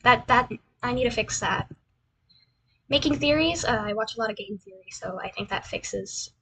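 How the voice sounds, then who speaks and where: A woman's voice: a little high, a bit bright, a little hiss or hum, poor audio. A young woman chatting casually as a cute anime-style VTuber on a livestream, rambling and repeating phrases in a self-deprecating way. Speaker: VTuber streamer introducing themselves. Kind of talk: casual livestream chat over a slideshow.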